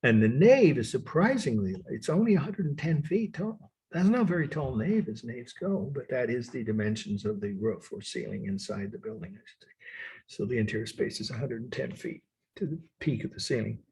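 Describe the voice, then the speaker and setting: A man giving a college art history lecture, explaining patiently and slowly spelling out words for his students. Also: medium pitch, lively intonation, a little mellow, breathy edge.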